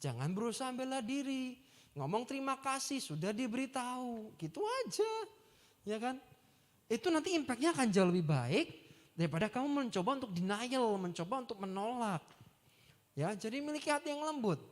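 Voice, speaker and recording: A man giving a lively youth sermon, chatty and acting out the quotes he tells. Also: very high voice, fairly quick. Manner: animated, chatty, acts out quotes. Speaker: youth preacher. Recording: long church reverb.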